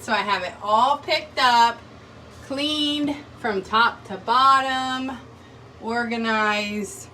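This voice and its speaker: Young mom vlogger, slow easy talk, bright voice, mic a bit off, faint hiss. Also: female voice, a little high, far from the mic, rough recording. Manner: chatty, walks viewers through items. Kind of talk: casual clean-with-me vlog. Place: home bathroom.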